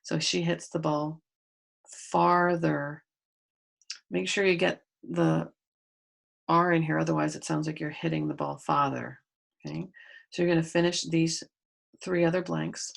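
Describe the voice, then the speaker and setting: A woman's voice: deep voice, fairly even intonation, moderate pace, gravelly. A woman teaching a grade school grammar lesson to pupils at home, patiently explaining step by step and spelling out letters.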